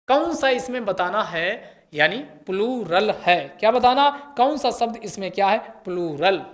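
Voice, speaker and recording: A woman's voice: medium pitch, fairly bright tone. A woman teacher going through an English test paper for exam candidates, asking questions and answering them herself and repeating key words. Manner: reads English test sentences slowly and carefully.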